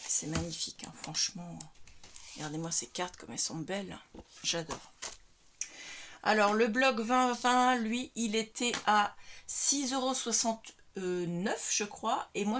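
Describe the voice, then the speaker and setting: Woman vlogger, mid-pitched, chatty showcase of craft supplies, paper rustling and clicking right by the mic. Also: background noise. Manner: chatty, describes items one by one with many fillers. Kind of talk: casual product showcase. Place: home craft room lit by ceiling light.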